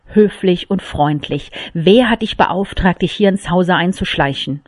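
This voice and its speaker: A woman's voice: fairly low pitch, a little slow. A woman reading an icy, scornful lieutenant. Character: cold, mocking male army lieutenant.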